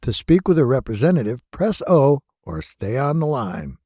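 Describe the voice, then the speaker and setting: A man voicing scripted, polite phone system prompts in a measured, even way. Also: mid-range voice, slightly rough, no room sound, clean studio sound. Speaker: phone menu voice-over artist.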